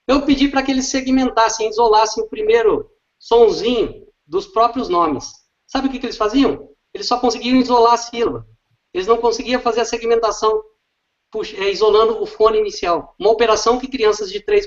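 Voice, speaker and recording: A man, an educator explaining literacy step by step and often checking with tag questions. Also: sits high. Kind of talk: didactic explanation in conversation. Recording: dull lo-fi recording.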